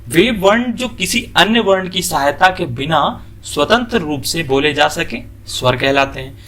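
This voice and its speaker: A man's voice: on the high side, bright, forceful tone. Man teaching, asking and answering himself. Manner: asks questions and answers them himself; draws out example sounds slowly. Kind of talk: classroom lesson.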